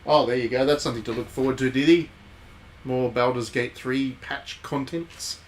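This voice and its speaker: A game streamer plays through a visual novel live, offering casual, chatty commentary and musing aloud as he goes. His medium-pitched voice moves at a normal speed over steady background noise.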